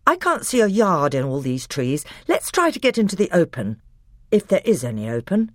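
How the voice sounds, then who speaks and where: A woman voicing a steady, practical older schoolboy who leads the others in a storybook reading, with brisk, clipped exclamations. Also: lowish voice, no echo, studio quality, voice pushed up.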